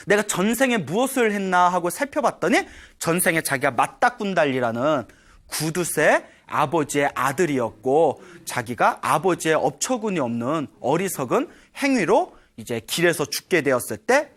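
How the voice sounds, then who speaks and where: Monk guy preaching, really lively up and down voice, acts out the characters. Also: on the high side. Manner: animated storytelling, acting out characters, often asks the audience "예?". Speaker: Buddhist monk giving a dharma talk. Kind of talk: sermon storytelling.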